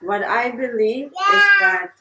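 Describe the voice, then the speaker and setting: Hesitant woman from Tanzania, lively pitch. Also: slow pace, vocal fry. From Tanzania, raised in Sweden. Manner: hesitant, reflective, many fillers. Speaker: interview guest. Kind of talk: casual interview. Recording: distant mic with noisy background.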